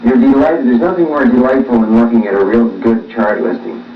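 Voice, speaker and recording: A man, a musician, answering interview questions with many pauses and fillers, heard on old worn tape. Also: mid-range voice, lively intonation, faint music behind. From Canada. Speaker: musician guest. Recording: echoey, distant, dull old tape with faint hiss.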